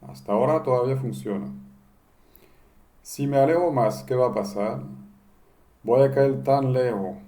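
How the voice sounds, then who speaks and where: A man giving a step-by-step software lesson, posing questions and answering them himself. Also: mid-range voice, measured pace, pauses often. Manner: explains step by step, asking and answering his own questions. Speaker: instructor. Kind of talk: screen-recorded software tutorial.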